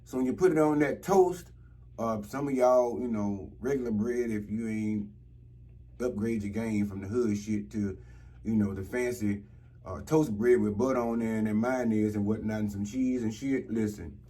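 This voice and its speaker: A man's voice: mid-range voice, dark tone. A man hosting a casual review show, talking in a blunt, exasperated, rambling way and swearing freely. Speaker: host of a reality TV review show. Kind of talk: casual profane recap and commentary.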